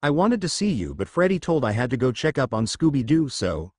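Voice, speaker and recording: A man's voice: medium pitch, very animated, fairly quick, darkish tone, no echo, clean studio sound. A man doing a jittery slacker teen boy. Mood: worried. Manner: nervous, stammering. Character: lanky nervous teen boy, dog-loving slacker.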